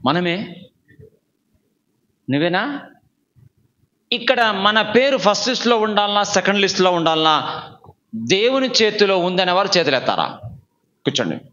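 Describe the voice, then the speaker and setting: A man preaching a sermon, quizzing the congregation and having them raise hands. He swings from low asides to shouted calls. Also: sing-song, normal speed, pauses often, highs cut off. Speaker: pastor.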